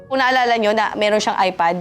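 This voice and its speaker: A woman's voice: mid-range voice, fast, a bit bright, soft background music. A woman speaking as a parent figure, scolding and asking pointed questions in a stern lecture. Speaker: parent figure counseling a youth.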